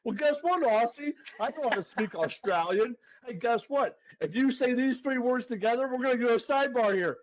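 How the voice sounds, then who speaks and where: A man's voice: very high voice, animated, normal speed, poor audio. A man co-hosting a sports betting podcast, talking in a hyped, swaggering way and calling everyone "baby.". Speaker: co-host, sports betting picks. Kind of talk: casual podcast chat.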